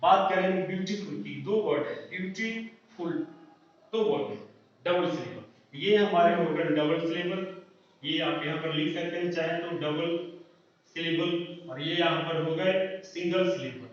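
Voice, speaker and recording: A male English teacher giving a classroom grammar lesson, explaining slowly and answering his own questions at a board. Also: on the high side. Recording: roomy echo, distant lo-fi mic.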